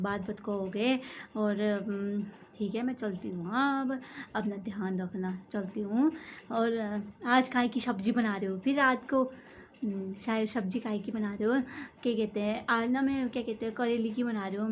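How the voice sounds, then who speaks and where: A woman's voice: on the high side, a little hiss or hum. A woman with an Uttarakhand Hindi accent, acting out a gossipy village chat between two friends in a comic vlog, full of fillers and tag words. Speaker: comedy vlogger.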